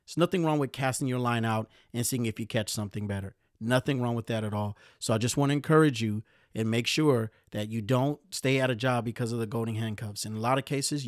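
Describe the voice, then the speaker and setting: A man hosting a podcast, giving motivational career advice in a lively, preachy way that sometimes gets riled up. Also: mid-range voice, no echo, clean studio sound. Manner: animated, gets riled up, mimics complainers. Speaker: podcast host.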